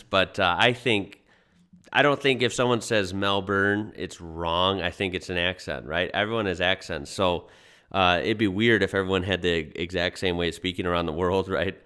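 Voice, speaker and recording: American guy reacting to a clip, low voice but bright and smooth, hesitant, lots of restarts. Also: moderate pace. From United States. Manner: hesitant, restarts, chuckles, easygoing. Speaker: reaction channel host. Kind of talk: casual reaction commentary.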